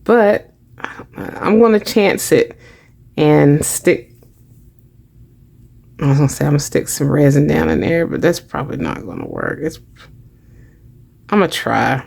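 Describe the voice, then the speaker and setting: A woman's voice: deep voice, huge pitch swings, a little slow, gravelly, pauses often, a little mellow, breathy edge. A woman hosting a crafting channel, chatting casually to camera in a rambling, self-deprecating way, trailing off with fillers.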